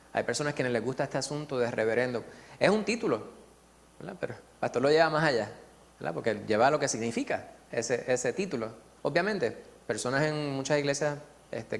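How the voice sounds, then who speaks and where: A man with a Puerto Rican accent leading a church Bible study, telling personal stories in a chatty way and filling pauses with tag questions. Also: on the high side, big-room sound.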